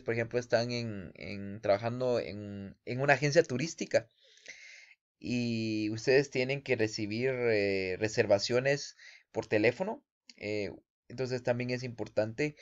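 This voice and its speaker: A man's voice: medium pitch, a little mellow. Man teaching in a dull, muffled recording. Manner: addresses listeners directly, frequent "¿sí?" check-ins and hesitant "eh" fillers. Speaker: instructor. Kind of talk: casual spoken lesson.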